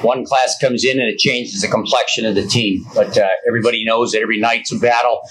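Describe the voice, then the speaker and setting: A man's voice: mid-range voice, steady tone, fast, a bit bright, poor audio. A man head coach speaks at a press conference in an earnest, filler-heavy way. His voice sits in an ordinary middle range.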